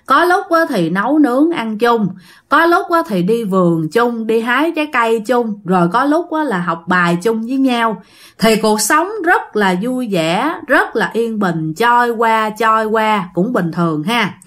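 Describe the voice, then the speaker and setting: A woman's voice: fairly high pitch, animated, a little slow, fairly bright tone. A woman with a Southern Vietnamese accent telling a ghost story casually, talking straight to her listeners with lots of fillers. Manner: chatty, addresses listeners directly, many fillers.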